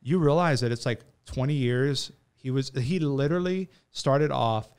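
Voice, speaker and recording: Young man telling animated stories. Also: medium pitch, moderate pace, clean tone. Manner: animated, acts out quoted people with shifts in voice. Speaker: entrepreneur guest. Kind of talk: storytelling in a casual interview.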